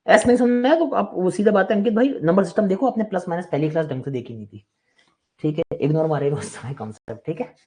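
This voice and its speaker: A man's voice: high voice, fast, darkish tone. A man teaching a live online maths class, chatty and reassuring but firm with students who interrupt.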